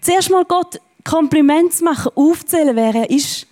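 A woman's voice: high-pitched, expressive, moderate pace, dark tone. Earnest woman preacher. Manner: earnest and encouraging, with emphatic rises. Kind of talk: sermon.

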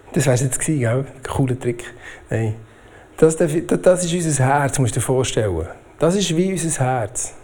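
A man with a Swiss German accent preaching a sermon in a lively, informal way. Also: moderate pace. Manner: lively, informal preaching with swings in pitch and loudness.

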